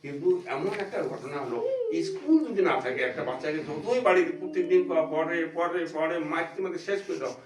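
A man's voice: a little high, lively intonation, quick pace, crowd noise. A man giving a devotional talk, earnest and repeating phrases for emphasis. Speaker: religious speaker. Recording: echoey room, voice from far off.

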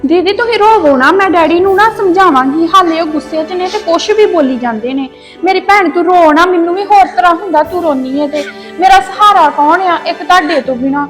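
A woman's voice: very high voice, brisk, fairly bright tone, faint music behind. A young woman playing an earnest, pleading daughter. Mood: soothing. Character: loyal younger daughter defending her sister. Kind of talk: domestic drama acting.

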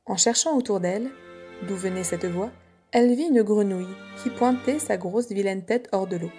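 A woman reads an old fairy tale aloud, narrating in a steady, expressive storybook manner. Her pitch sits in the middle for a woman. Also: normal speed, faint music behind.

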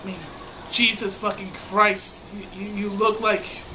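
A woman's voice: medium pitch, flat delivery, a little slow, noisy background. A woman giving profane, mocking commentary on a video she is reacting to. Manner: crude, profane and scornful.

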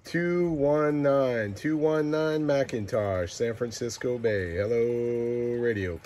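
Slow-calling man on noisy, mistuned ham radio. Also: medium pitch. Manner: clipped call signs and place names. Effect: mistuned ham radio, single-sideband. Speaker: CB radio operator. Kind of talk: repeated CB radio calls.

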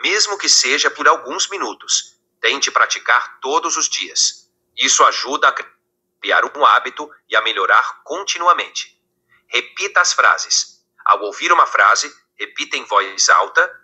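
A synthetic-sounding male tutor voice with a very bright, slightly husky tone. He speaks patiently and encouragingly, slowing down for the model phrases, and sounds as if it is played from an app. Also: mid-range voice, lively intonation.

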